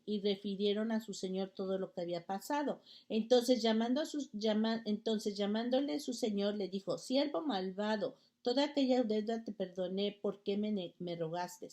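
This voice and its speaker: A woman preacher reads scripture aloud and then explains it. She often stumbles and restarts as she reads, and she keeps calling her listeners brothers and sisters. Her voice has an average pitch for a woman. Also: moderate pace, hardly any pauses, mellow. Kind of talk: sermon reading scripture.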